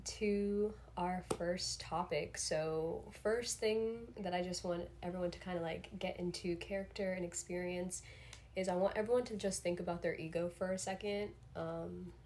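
A woman's voice: fairly low pitch, fairly even intonation, normal speed, darkish tone, slight background noise. A young adult woman hosting a solo podcast in a casual, rambling, introspective way, sounding slightly under the weather. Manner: rambling, self-reflective, uses slangy filler "like". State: under the weather, throat-clearing.

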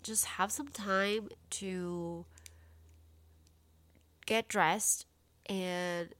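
This casual solo podcast host is a woman in her late twenties whose nose sounds stuffed up and congested as she chats bubbly and peppers her speech with "like." Her mid-range voice is a bit bright, with fairly even intonation and an extremely slow pace. The recording is dry.

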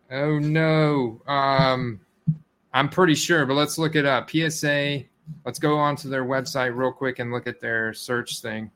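A man in the middle of a casual card reveal, chatting directly to the people watching at an everyday middle pitch. His talk is loose and conversational, and he jumps quickly into excited outbursts when something catches him. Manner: excitable, talks straight to viewers, quick swings into exclamations. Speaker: sports card collector host. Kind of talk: casual unboxing chat to viewers.

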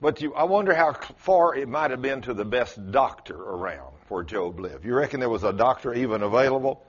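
A man in his late sixties preaching a folksy sermon, quizzing his congregation and rising to loud exclamations. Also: medium pitch, lively intonation, fairly quick, breathy edge, lo-fi sound. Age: 60s. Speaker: pastor.

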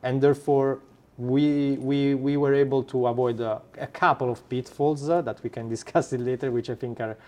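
An Italian startup founder, speaking with an Italian accent, is interviewed on a podcast. He talks haltingly, full of fillers and restarts, in a medium-pitched, steady, somewhat dark voice.

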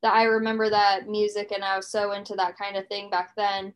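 A woman in her thirties co-hosts a podcast, chatting casually and rambling with plenty of fillers and restarts. Her mid-range voice is brisk and completely flat, and the recording quality is low.

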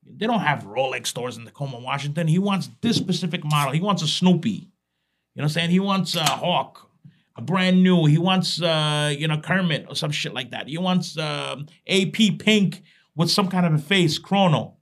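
A man's voice: a little high, expressive, moderate pace. A man from Iraq, a watch dealer guest on a podcast, talking in a brash, streetwise, emphatic way. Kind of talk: casual podcast conversation.

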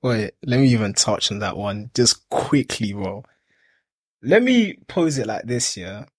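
A young man talks in a London roadman accent, with a husky voice recorded dry and close. His delivery is casual, slang-heavy and emphatic, like someone making motivational points among friends. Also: fairly low pitch, sing-song, unhurried, no echo. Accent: London, urban street slang. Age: young adult.

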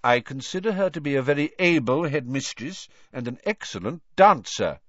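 A man doing a calm old headmaster. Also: mid-range voice, dry recording, pitched above the performer's own voice, close to an everyday voice. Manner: calm, quiet, measured. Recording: dull, dry audiobook recording.

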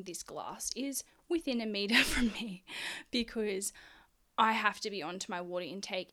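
A woman's voice: mid-range voice, a bit bright. A woman hosting a casual solo podcast, chatty and rambling, full of "like"s and the odd swear word. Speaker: podcast host.

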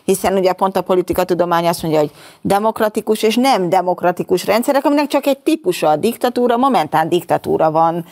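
A woman's voice: fairly low pitch, darkish tone. A woman, a political scientist guest in a studio, explaining firmly and analytically.

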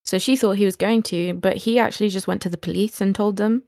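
A woman chats casually as a podcast co-host, jumping in with extra details. Her mid-pitched voice sounds dry and close, with no room echo. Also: fairly even intonation, fast, vocal fry, darkish tone. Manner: chatty, adds details eagerly. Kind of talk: casual chat.

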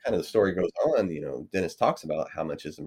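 A man's voice: low-pitched, expressive, quick pace, a little mellow, breathy edge. A man co-hosting a podcast, chatting casually about a novel, rambling with lots of fillers. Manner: rambling, many fillers like "you know". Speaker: podcast co-host. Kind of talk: casual book discussion.

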